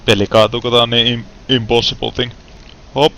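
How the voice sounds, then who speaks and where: A man's voice: medium pitch, flat delivery, bright, forceful tone. A young Finnish man giving casual gameplay commentary, with frustrated outbursts and English words mixed in. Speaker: gaming let's player.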